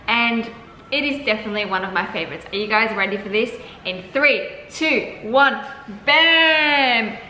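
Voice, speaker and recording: A woman's voice: a little high, sharp tone. A woman vlogging casually, chatting upbeat with lots of fillers while cooking in her home kitchen. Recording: echoey room with faint noise.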